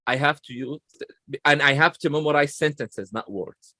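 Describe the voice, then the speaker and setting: A man's voice: on the high side, moderate pace, pushed and bright, no echo. A man with a non-native English accent, a chatty, self-deprecating guest telling stories in a casual interview.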